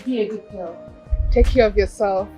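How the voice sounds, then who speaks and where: A woman's voice: mid-range voice, normal speed, dark tone, faint music behind, close to an everyday voice. An actress playing a carefree, independent young woman in a film drama, with a Nigerian accent. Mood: affectionate. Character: carefree, independent young woman who resists being fussed over.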